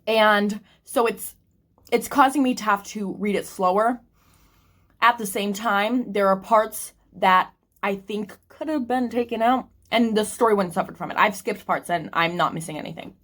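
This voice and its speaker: A woman's voice: mid-range voice, a bit bright. A woman book vlogger chatting casually to camera and thinking aloud with restarts, eating snacks between sentences. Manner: eating snacks while talking.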